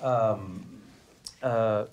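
A middle-aged man hosting a casual onstage interview, halting and stammering, laughing often, speaking into a stand mic in a small hall with an audience. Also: on the low side, fairly even intonation, a little mellow, muffled recording, slight background noise. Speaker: host.

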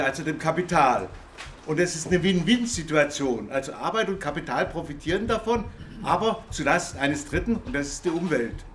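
A man from Baden-Württemberg speaking from the audience at a panel, halting and repeating words. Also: fairly high pitch, slight background noise. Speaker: audience member. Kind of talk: public discussion contribution.

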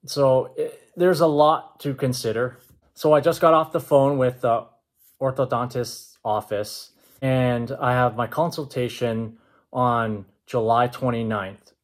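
A man, talking to camera in a measured, matter-of-fact way in a room at home. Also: mid-range voice. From Canada. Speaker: vlogger. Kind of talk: vlog talk to camera. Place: indoors, open-plan home with kitchen and stairs.

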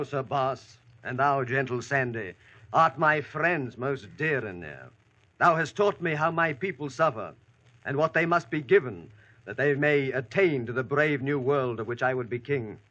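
A man's voice: mid-range voice, animated, normal speed, sharp tone, muffled recording. An actor playing a noble, ceremonious king in mock-archaic radio drama, with formal, rhetorical delivery. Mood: solemn, fond. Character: noble, grateful, ceremonious king of medieval legend. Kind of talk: 1940s radio acting in mock-archaic English. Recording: band-limited old radio recording.

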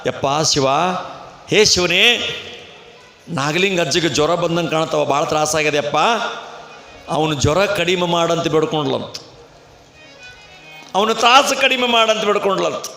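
A devout village woman in a North Karnataka accent begs and pleads over and over, voiced by a man telling a story in a sermon. The voice is bright and a little high. It rings through a reverberant festival sound system with faint noise behind it. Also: measured pace, gravelly, long pauses, soft background music, exaggerated voice. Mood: pleading. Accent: North Karnataka Kannada. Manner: beseeching, repeats "yappa".

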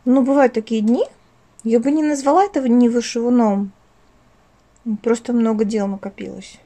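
Speaking at normal speed in a warm, slightly high voice, a woman hosts her chatty craft vlog from home indoors. As the channel host, she rambles casually and interrupts herself in an affectionate way.

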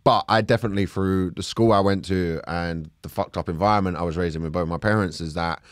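A fairly low-pitched man talks candidly in a relaxed podcast chat. He tells stories and laughs easily along the way. His voice is close-miked and dry. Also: fast, no echo. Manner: candid storyteller, chuckles often. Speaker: podcast co-host. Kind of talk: casual chat.

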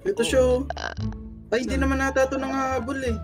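A woman chatting casually while playing a horror game with friends, urgent and bossy, shouting to the others to run. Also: high voice, little pitch movement, quick pace, loud music behind the voice. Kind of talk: casual multiplayer gaming chat.

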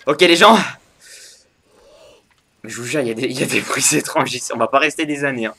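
A man giving excitable gaming commentary, talking to his viewers and bursting into yelps and laughter. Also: mid-range voice, very fast, vocal fry. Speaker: gaming YouTuber.

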